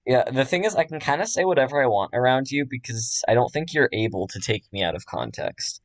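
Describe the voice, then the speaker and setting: A man's voice: mid-range voice, expressive, a little fast, no echo. A man chatting casually while he draws, joking at his own expense and laughing often. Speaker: artist drawing on a stream. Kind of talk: casual chat while drawing.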